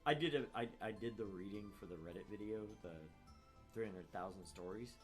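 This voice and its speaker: A man with a lowish, brisk voice runs a gaming channel, cracking jokes, swearing casually, and reading visual novel text out loud. He records in a room at home that isn't soundproofed, using a shared open mic, so room noise comes through along with background music.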